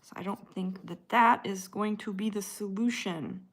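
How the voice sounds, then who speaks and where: In a medium-pitched voice at normal speed, a Midwestern-accented woman from the United States chats casually on her livestream, answering viewers by name as she works through their comments.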